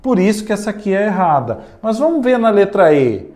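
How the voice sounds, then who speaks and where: A man with a Brazilian Portuguese accent teaching an exam-prep grammar lesson, often turning to the class and saying words slowly, syllable by syllable. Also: sits high, very animated, darkish tone.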